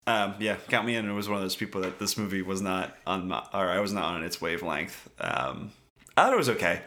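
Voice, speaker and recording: A man's voice: low voice, fairly quick, sharp tone, a little hiss or hum. A man co-hosting a podcast, chatting casually about festival films and rambling with many restarts. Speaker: podcast co-host. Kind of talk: casual film review chat.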